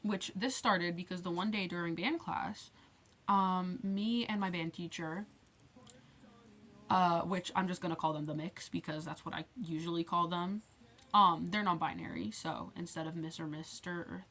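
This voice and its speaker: A teenage girl rambling through a casual storytime rant, acting out conversations as she goes. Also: lowish voice. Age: teens. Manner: rambling, quotes conversations with shifting loudness. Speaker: vlogger.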